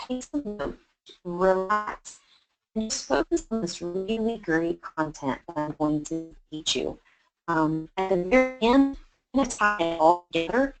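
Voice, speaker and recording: Speaking with a Texan accent, this woman is a chef presenting a webinar, coaching her audience in an encouraging, talkative way peppered with fillers. Her pitch is fairly low, and the audio is poor.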